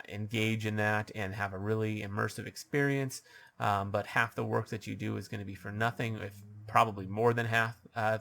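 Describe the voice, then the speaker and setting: This man's voice is on the low side, gravelly and fairly bright, with a scratchy quality as he gives dungeon master advice. He speaks off the cuff in a halting way, with plenty of ums, uhs and restarts in the monologue.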